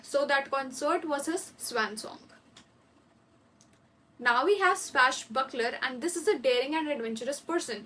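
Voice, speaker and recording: Woman, vocabulary teacher, high voice, unhurried, a little far from the mic, faint hiss. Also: fairly bright tone. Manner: slow deliberate English definitions, quick Hindi-English explanations. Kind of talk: exam-prep vocabulary lesson.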